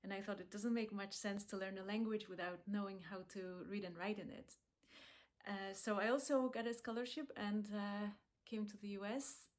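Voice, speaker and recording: A woman from Poland who leads accessibility work, giving a calm, measured talk in a pre-recorded video with frequent small pauses. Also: medium pitch. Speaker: accessibility program lead.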